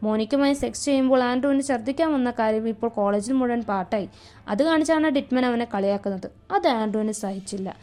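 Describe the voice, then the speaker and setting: A woman narrating a movie recap in a brisk storytelling manner. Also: fairly high pitch, a little mellow. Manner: brisk, storytelling, plain delivery.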